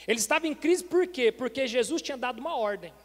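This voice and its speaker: A man's voice: very high-pitched, animated, fast, big-room sound. A man preaching a sermon as pastor, asking rhetorical questions and calling the congregation brothers. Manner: preaching with rhetorical questions, repeatedly addressing "irmãos". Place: church hall.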